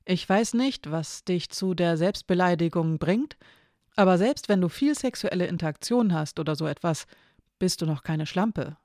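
A storyteller reading the lines of May, a thoughtful, gently ironic non-binary character who phrases things carefully, in a storybook reading. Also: mid-range voice, normal speed, no echo, clean studio sound, close to an everyday voice. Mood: gentle.

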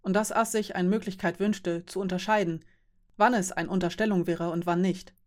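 A woman's voice: lowish voice, fairly even intonation, moderate pace, a little mellow. Woman reading a story aloud. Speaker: narrator. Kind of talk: audiobook reading.

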